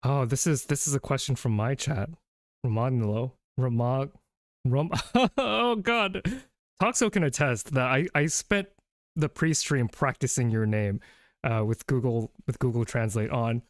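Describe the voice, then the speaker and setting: Male quiz host on a call, mid pitch, dry close sound, chatty and self-deprecating. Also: moderate pace, dry recording. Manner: self-deprecating, thinks aloud with restarts. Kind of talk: casual streamed quiz chat.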